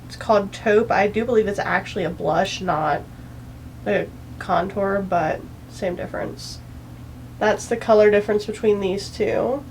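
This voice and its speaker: A woman's voice: medium pitch, a little slow, vocal fry, a little hiss or hum, low-quality recording. A young woman chatting casually through a makeup tutorial, rambling and self-deprecating, a bit anxious and out of breath. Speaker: beauty vlogger.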